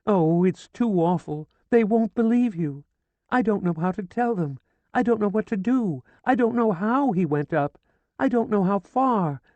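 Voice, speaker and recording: An audiobook reader, sounding lightly acted, voices a frantic, grieving older woman in a shrill, near-screaming plea full of hysteria. The delivery is animated but a little slow, with a darkish tone and no echo.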